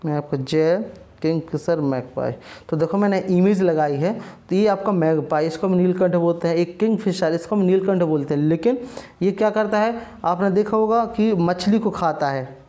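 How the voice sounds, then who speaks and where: A man with a high-pitched, mellow voice teaches an online lesson on bird names at a moderate pace, mixing English words into his talk. He repeats himself and asks viewers questions, then answers them himself.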